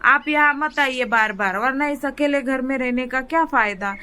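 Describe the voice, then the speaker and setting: Lady doing a bratty lil sparrow girl in a cartoon, bit high, faint hiss behind. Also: normal speed, sharp tone. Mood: stubborn. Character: young headstrong girl sparrow.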